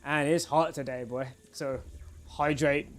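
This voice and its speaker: Man in his thirties, slightly high voice, easy chatty streamer talking to viewers on a desk mic. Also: fairly even intonation, takes it slowly. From England. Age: 30s. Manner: chatty, laughs often, answers viewers. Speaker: game streamer. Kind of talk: casual live-stream chat. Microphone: desk microphone.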